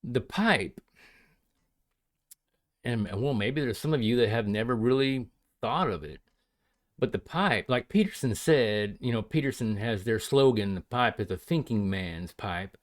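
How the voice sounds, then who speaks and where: A man's voice: mid-range voice, expressive, measured pace. A man chatting casually to viewers as a hobbyist crafter, in a folksy, hesitant, rambling way. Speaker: pipe hobbyist and leather crafter showing his work. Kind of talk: casual vlog chat to viewers.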